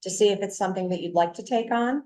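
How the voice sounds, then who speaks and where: A woman runs the meeting with brisk, businesslike prompts and thanks. Her voice is mellow and dark in tone. The room around her sounds echoey. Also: medium pitch. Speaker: meeting chair. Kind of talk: chairing a town meeting.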